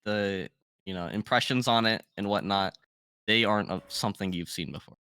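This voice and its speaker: A man's voice: on the low side, normal speed, pushed and bright, clean tone, no echo. A man narrating a tabletop role-playing game casually as game master.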